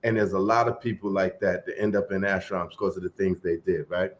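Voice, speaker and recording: A man telling stories in a casual group chat, animated and acting out the people in them. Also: sits low, brisk. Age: 20s. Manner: animated storyteller, acts out voices and quotes.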